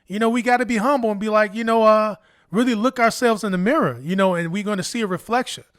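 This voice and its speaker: High-voiced man giving earnest relationship advice. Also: quick pace, no room sound, studio quality. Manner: earnest, many "you know" fillers. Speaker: podcast co-host.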